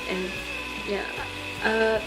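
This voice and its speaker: Music plays in the background of this poor-quality clip, where a young Filipina vlogs sleepily to her phone camera late at night, drifting from thought to thought with lots of fillers and hesitation. She speaks in a flat, mid-range voice, drawing out her words.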